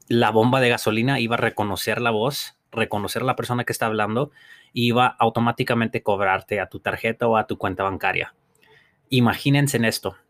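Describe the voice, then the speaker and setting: This is a medium-pitched male podcast host offering heartfelt encouragement in a motivational talk. He isn't speaking his first language, so he often restarts and restates his points.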